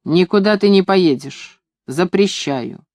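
A reader voicing a gruff, bitter old grandfather in a story, grumbling low. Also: lively intonation, slow pace, darkish tone, dry recording. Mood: stern.

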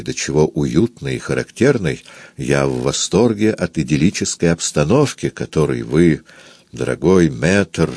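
A man voicing a stout, cheerful male music impresario of about forty who talks in an effusive, flattering way with a slight foreign tinge. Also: extremely low pitch, slightly rough, dry recording, heavily acted. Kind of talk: audiobook character reading.

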